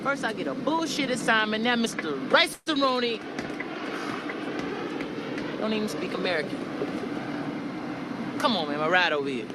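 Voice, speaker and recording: A brash, cursing movie detective barks orders in a very high, shrill voice that jumps wildly up and down. City traffic roars behind him in the film clip. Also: male voice, big pitch swings. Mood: irritated. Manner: shrill, fast-talking, swearing, bossy. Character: brash loudmouthed male FBI detective, impatient and rude. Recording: film clip with loud street noise.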